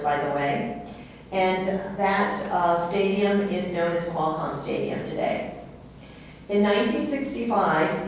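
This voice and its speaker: Brief: middle-aged woman at a podium, introduction speech, distant mic, boomy hall. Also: a little mellow. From San Diego, United States. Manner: reads a biography with occasional fillers. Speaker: speaker introducing her father at an event. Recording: echoey hall, voice from far off, faint hiss.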